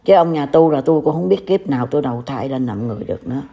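A woman's voice: very deep voice, expressive, rapid-fire, mellow. An older woman from Vietnam with a Southern Vietnamese accent, scolding and warning in a casual online talk. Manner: scolding, reproachful. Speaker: commentator.

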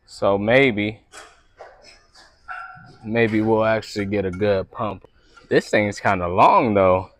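A man's voice: lowish voice, slow pace, long pauses, no room sound. A young man vlogging his workout in a large gym, joking and swearing casually, recorded on an earbud mic. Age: young adult. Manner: joking, profane, laid-back. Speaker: fitness vlogger.

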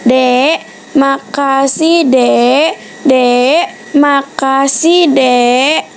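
A woman doing a slow pleading beggar. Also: sits high, creaky, a little hiss or hum, exaggerated voice. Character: pitiful begging beggar woman, drawn-out pleas.

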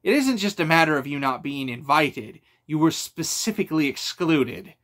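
A man's voice: a little high, big pitch swings, normal speed, pushed and bright. Man reading as a hot-headed adventurer, blunt, emphatic, audiobook. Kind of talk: audiobook character voice.

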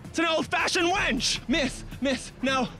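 A man in his thirties hosting a street game show, loudly badgering passers-by outdoors on a busy city street into a handheld mic. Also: very high-pitched, unhurried, faint music behind. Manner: loud, frantic, badgering passers-by.

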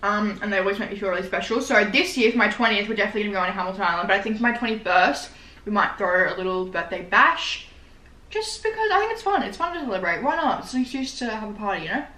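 In a small living room with noticeable indoor echo, a nineteen-year-old vlogger with an Australian accent rambles casually through her mukbang, full of slang. She talks fast and animatedly, her medium-pitched voice bright and forceful.

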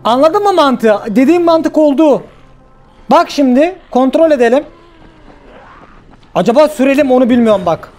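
A man hosting a gaming channel, giving casual let's-play commentary in an excitable way, often swearing and yelling at the game. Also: very high voice, normal speed, pauses often, faint music behind.

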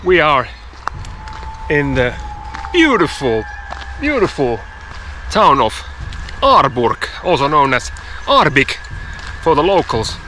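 A man vlogs a hike slowly to a camera held at arm's length outdoors, in woods by a road and railway, with a little hiss or hum on the audio. His voice is on the high side, bright and forceful, with huge pitch swings. He spins conversational stories with fillers and spooky asides.

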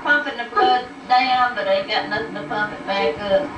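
An older woman talks plainly and unhurriedly with her family in an echoey room. She is picked up from far off by a camcorder on an old VHS tape. A television plays music loudly behind her. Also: medium pitch, steady tone, muffled recording. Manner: plain, unhurried, homespun talk. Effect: old VHS home video tape. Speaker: mother chatting with family. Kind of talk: casual family chat. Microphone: camcorder mic across the room. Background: television with music playing.

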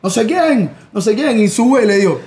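A young Cuban man with a Cuban accent, telling stories in a casual chat. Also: sits high. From Cuba. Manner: animated, rapid storytelling. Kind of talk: casual storytelling.

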